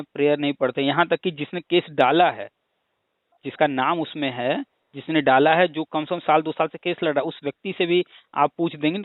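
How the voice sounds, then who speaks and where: A fairly high-voiced man lectures patiently, building his points with rhetorical questions and homely examples. The sound is thin and phone-like, and very dry. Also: no room sound. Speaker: teacher hosting a call-in discussion. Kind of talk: casual explanatory phone chat. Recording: tinny phone line.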